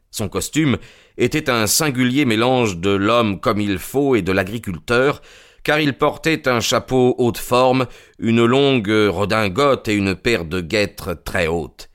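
A man playing the detective's companion, narrating the story in a steady, measured way for an audio drama. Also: mid-range voice. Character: sober male companion narrating the case.

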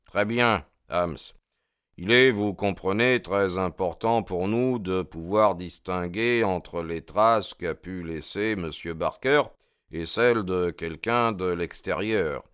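A man voicing a sharp, methodical male detective who asks measured, courteous questions. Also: sits low, smooth, dry recording, clean studio sound. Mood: inquiring.

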